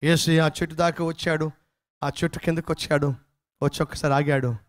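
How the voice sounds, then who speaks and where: A man's voice: on the high side, level tone, a little fast. A man preaching an impassioned sermon, pressing repeated rhetorical questions and storytelling.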